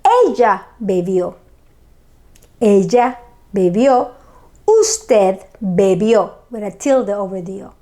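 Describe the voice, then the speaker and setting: A woman teaching a language lesson, saying words slowly and repeating them clearly for learners. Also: medium pitch, sing-song, mellow. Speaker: Spanish teacher. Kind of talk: slow, deliberate language lesson.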